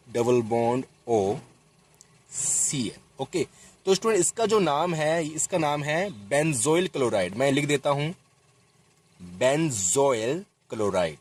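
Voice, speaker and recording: Slow and animated with frequent pauses, a young man in a mid-range voice explains a chemical reaction at the board. He addresses his students directly and stops to repeat and correct himself while writing formulas.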